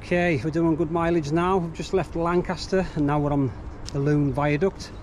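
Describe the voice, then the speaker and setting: Middle-aged man, casual bike trip narration, relaxed with fillers, action-cam mic outdoors, faint background noise. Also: fairly high pitch, moderate pace. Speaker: bikepacking vlogger. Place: outdoors on canal towpath.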